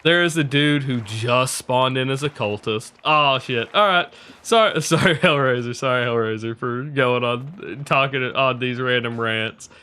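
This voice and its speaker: A young man chats casually with his live-stream viewers, rambling through stories, cursing freely and laughing often. His medium-pitched voice is bright, forward and crisp, moving at a measured pace with few pauses.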